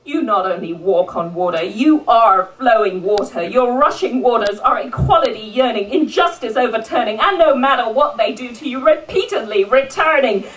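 A woman's voice: on the high side, animated, normal speed, few pauses, noisy background. Rousing woman performing spoken word. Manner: rousing, leads audience call-and-response. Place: live benefit event. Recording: voice picked up from a distance at a live event.

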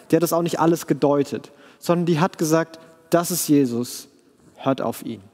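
Earnest German preacher in a hall. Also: male voice, medium pitch, a little mellow. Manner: earnest, emphatic, slows for quoted verses. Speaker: pastor. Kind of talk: sermon. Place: church hall, live stream.

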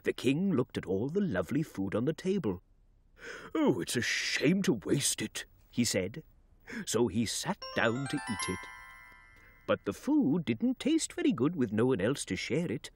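A woman voicing a gentle, friendly creature who reads stories to small children in a sing-song way, putting on voices for the characters. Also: extremely low pitch, very animated, measured pace, a little hiss or hum, exaggerated voice. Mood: storytelling. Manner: sing-song storybook reading with swooping voices. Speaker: storyteller. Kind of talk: children's television storytelling.

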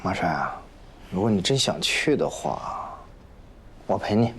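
A man playing a sly, stingy team leader in a comedy sketch, talking in a lively, exaggerated, wheedling way. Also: low voice, measured pace, a little hiss or hum, exaggerated voice. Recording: music playing under the speech.

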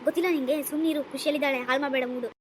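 A woman doing a fast-talking cartoon girl. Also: high-pitched, fairly even intonation, a little hiss or hum, natural voice. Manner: quick, reassuring, bossy. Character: chatty girl, the visiting childhood friend. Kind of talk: animated cartoon skit voice.

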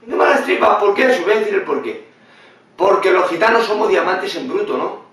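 Blunt, animated male vlogger, high bright voice, booming echoey room, mic set back. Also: brisk, distant mic. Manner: animated, blunt and swearing, mimics others in funny voices. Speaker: vlogger reacting to a video. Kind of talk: casual opinionated commentary.

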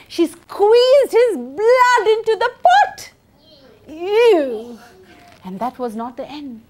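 High, slow, animated woman storyteller. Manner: theatrical, expressive, uses sound effects. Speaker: children's storyteller. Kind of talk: live dramatic storytelling of a folktale. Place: medium-sized indoor room with seated children.

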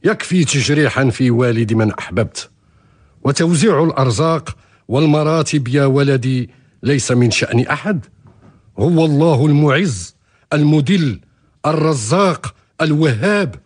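An actor playing an older, pious merchant father in a historical radio drama, speaking formally and persuasively with a husky voice. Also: a little high, expressive, normal speed. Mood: admonishing. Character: older merchant father, ambitious, pious, coaxing his son.

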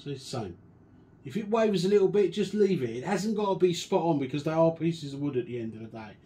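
A man casually walking through a guitar restoration and explaining each step in a relaxed, chatty way. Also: a little high, quick pace, breathy edge. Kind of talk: casual workshop demonstration.

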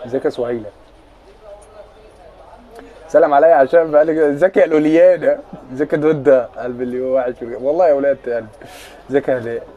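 A man's voice: mid-range voice, quick pace, pauses often, narrow, tinny audio. A young man with an Egyptian accent chatting on a casual live stream, answering viewer comments in a joking, teasing way. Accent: Egyptian Arabic.

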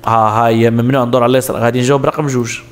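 A man's voice: medium pitch, level tone, rapid-fire. A man with a Moroccan Arabic accent explaining road sign exam answers step by step, asking questions and answering them himself. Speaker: driving instructor.

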